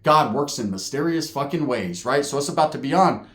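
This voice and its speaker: A man's voice: medium pitch, animated, a little fast, echoey room. A man telling a story about his time in prison, streetwise and profane, full of slang and asides. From California. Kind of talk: casual storytelling.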